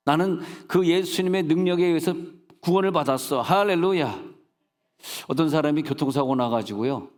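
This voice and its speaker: A senior pastor with a fairly high, slightly mellow voice gives a sermon in a church sanctuary. He leans on folksy storytelling, humorous asides, and rhetorical check-ins with the congregation, and the recording has a long hall reverb.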